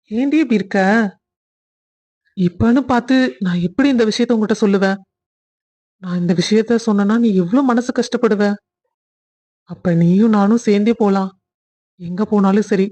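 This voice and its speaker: A woman's voice: mid-range voice, dark tone, lightly acted. A woman voicing a young cartoon husband who teases and bosses his wife with affection. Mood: tender. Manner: teasing, bossy. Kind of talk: cartoon family drama voice acting.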